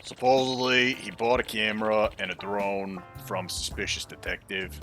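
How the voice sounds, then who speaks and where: A man voicing a businesslike police officer in a video game, in a halting, matter-of-fact way. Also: fairly low pitch, fairly bright tone, soft background music, natural voice.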